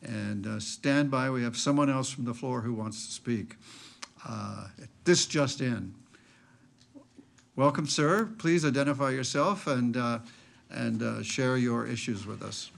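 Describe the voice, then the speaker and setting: A man's voice: medium pitch, unhurried, vocal fry. A man chairing a council meeting, courteous and procedural, with frequent fillers.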